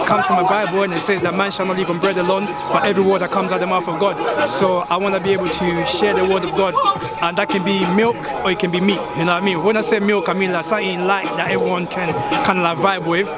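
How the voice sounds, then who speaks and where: A man's voice: high voice, fast talker. A young man from Congo, talking casually and earnestly about his music in an interview outdoors at a live event. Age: young adult. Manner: relaxed, earnest, slangy with frequent "innit". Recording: loud music and crowd behind. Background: loud music and crowd.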